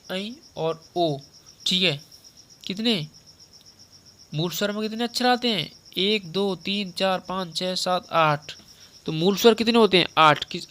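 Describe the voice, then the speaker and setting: Bright, crisp-voiced young male teacher. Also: sits high, slight background noise. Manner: conversational, repeats points and quizzes the listener. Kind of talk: spoken lesson on Hindi grammar.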